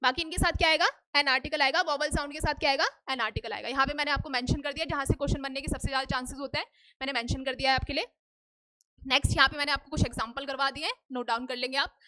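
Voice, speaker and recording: तेज़ ऊँची आवाज़ वाली शिक्षिका. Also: female voice, sits high, steady tone, racing, pushed and bright. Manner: asks students questions and answers them herself, repeats "ठीक है?". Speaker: English teacher. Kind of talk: Hindi-English grammar lesson. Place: classroom.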